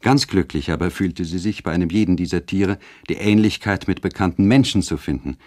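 Deep voiced guy reading an old novel aloud, measured and calm. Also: dry recording, studio quality. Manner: measured, literary. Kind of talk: audiobook narration of a classic novel.

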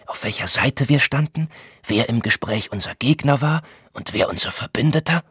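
A man voicing an anxious man who confides in hushed, urgent whispers, in an audiobook reading. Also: medium pitch, lively intonation, normal speed, slightly rough, dry recording, clean studio sound, voice pushed up. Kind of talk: audiobook character voice.

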